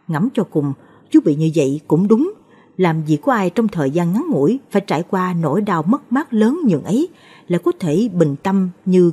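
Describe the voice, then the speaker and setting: A woman reads a ghost story aloud in steady, measured scripted narration. Her voice sits low and has a husky, breathy grain.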